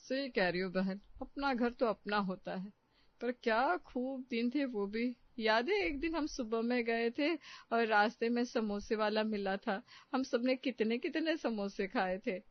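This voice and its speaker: A woman's voice: a little high, dry recording, natural voice. Woman playing a nostalgic old-neighbour friend. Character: nostalgic middle-aged female neighbour friend. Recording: dull, dry lo-fi.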